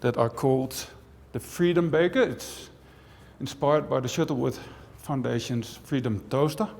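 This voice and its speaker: A man's voice: medium pitch, moderate pace, vocal fry. Dutch-raised man lecturing in a big hall. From Netherlands. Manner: lively, conversational, with dry jokes and frequent "right?". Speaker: university professor and speaker. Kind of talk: conference talk to an audience. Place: large auditorium. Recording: long hall reverb from a large auditorium.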